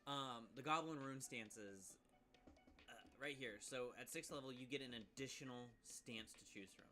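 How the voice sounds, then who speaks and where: A man's voice: mid-range voice, moderate pace, sharp tone, soft background music. A man casually reviewing a game class on a live stream, chatty and full of asides to viewers.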